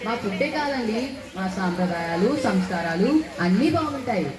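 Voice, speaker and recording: A woman's voice: medium pitch, animated, brisk. A woman with a Krishna district Telugu accent, proudly praising her region in a comedy skit. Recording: echoey, far from mic, crowd noise.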